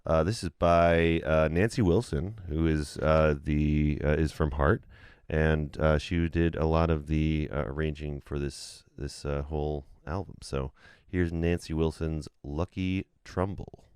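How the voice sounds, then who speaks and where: A man's voice: extremely low pitch, steady tone, unhurried, a little mellow, smooth, no echo, clean studio sound. A man hosting a casual chat about a film soundtrack, laid-back, with lots of fillers and "yeah, yeah" agreements. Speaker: podcast host.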